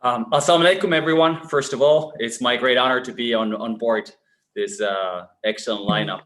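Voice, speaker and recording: A man's voice: medium pitch, fairly quick, a bit bright. A man from Finland who heads a business incubator talks on an online panel. He speaks fluently and with enthusiasm. He is on a video call. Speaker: head of a business incubation center. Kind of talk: answering on a webinar panel.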